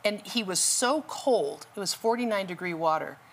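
A woman's voice: mid-range voice, lively intonation, normal speed, vocal fry. A woman guest telling a dramatic rescue story as a testimony, then urging listeners with preachy passion. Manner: impassioned, preachy. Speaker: guest speaker.

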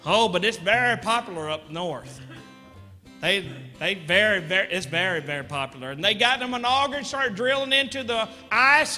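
Folksy, bright-voiced male joke teller. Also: very high-pitched, big-room sound. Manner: folksy, rambling, drawn-out delivery. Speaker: comedic storyteller. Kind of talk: live stand-up joke telling.

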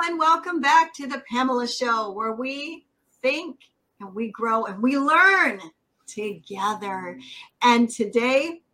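A woman's voice: high voice, bright, forceful tone, a little hiss or hum, poor audio. A woman hosting a talk show, speaking in an exuberant, emphatic way as she welcomes and interviews guests.

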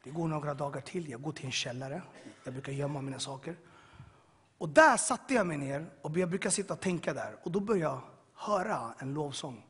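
A man with a slightly high, husky voice tells his testimony to a listening crowd. He swings between sudden loud bursts and quiet, hushed stretches. His voice rings out with a long reverb, as in a big hall. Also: animated. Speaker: person giving a testimony. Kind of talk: personal testimony to an audience.

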